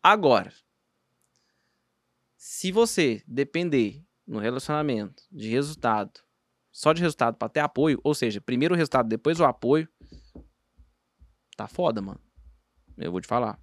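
A man's voice: medium pitch, lively intonation, normal speed, pauses often, dry recording, studio quality. A man with a Brazilian accent hosting a casual podcast chat, talking in a rambling, slangy way with many restarts. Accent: Brazilian Portuguese.

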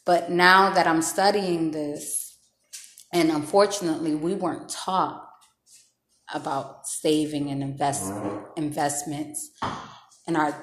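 A woman's voice: sits low, steady tone, takes it slowly, long pauses, echoey room. A woman in her thirties hosting a casual podcast chat, candid and slangy, laughing often. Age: 30s. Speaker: podcast host.

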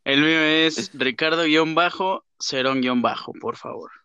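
A man's voice: fairly high pitch, measured pace, bright, forceful tone, clean tone, dry recording, lo-fi sound. A man with a Mexican accent chatting playfully in slang and swearing as a football podcast co-host. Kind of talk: casual football banter.

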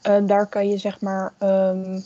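A woman's voice: medium pitch, monotone, slow pace, mellow, muffled recording. A young woman in casual podcast chat, telling a long personal story with many fillers and quoted asides. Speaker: guest storyteller.

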